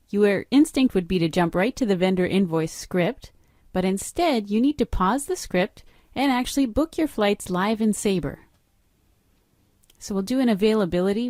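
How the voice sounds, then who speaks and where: A middle-aged woman working as a software trainer narrates a screen-recorded walkthrough, explaining each step matter-of-factly. Her medium-pitched voice is expressive and a little mellow at a moderate pace, recorded cleanly in a studio with no echo.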